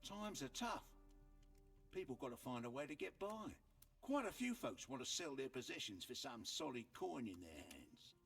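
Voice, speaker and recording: Raspy, wildly animated shady merchant. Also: male voice, medium pitch, moderate pace, recorded from a distance, faint music behind, heavily acted. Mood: slick, smug. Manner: sly salesman patter, scornful when crossed. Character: crooked male merchant and innkeeper, smug, defiant, self-righteous. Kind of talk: video game voice acting.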